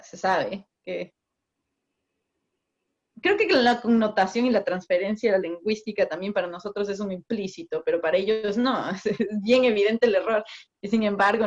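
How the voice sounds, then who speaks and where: A woman on a video call, explaining in an animated way with examples and laughs. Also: medium pitch. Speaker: guest, migration office worker in Australia. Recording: muffled video call audio.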